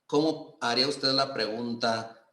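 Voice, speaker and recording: A man teaching English in Spanish with a Mexican accent, explaining slowly and patiently and repeating example sentences. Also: medium pitch, fairly even intonation, sharp tone, echoey room. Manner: slow, patient, repeats phrases and stresses intonation. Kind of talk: online class explanation.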